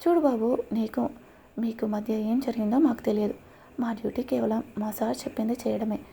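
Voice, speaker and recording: A woman voicing a male police constable calmly explaining his duty. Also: a little high, moderate pace, creaky, slight background noise. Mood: matter-of-fact.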